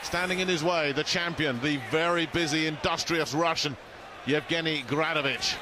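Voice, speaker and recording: A man works as lead commentator at a boxing match, calling the action live. His voice sits a little high, over a very loud crowd and heavy arena noise. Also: steady tone, normal speed. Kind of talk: live play-by-play sports commentary.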